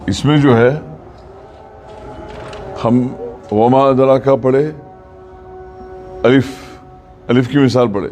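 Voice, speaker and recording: A man's voice: medium pitch, steady tone, long pauses, a little mellow, soft background music. Patient male recitation teacher. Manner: explains patiently, quizzing students. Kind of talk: tajweed class in a mosque. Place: mosque.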